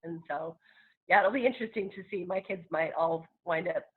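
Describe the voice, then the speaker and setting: A woman speaks earnestly over a video call, her voice slightly husky. The sound is thin and tinny, like a phone line. She rambles a bit and restarts her sentences. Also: fairly low pitch, a little fast. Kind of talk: casual talk to a group on a call.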